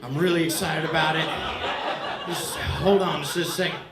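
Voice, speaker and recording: A man doing a loud, rambling stand-up set in a bar, mock-earnest and bantering with the crowd, a little out of breath. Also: on the high side, steady tone, moderate pace, heavy background noise. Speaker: stand-up comedian. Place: bar stage with laughing crowd. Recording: echoey bar room, crowd laughter.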